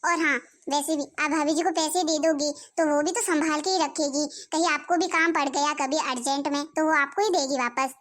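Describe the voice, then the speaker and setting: A woman's voice: sits high, fairly even intonation, fairly quick, few pauses, a bit bright. A woman voicing an outspoken young married sister-in-law in a cartoon, arguing her point persuasively.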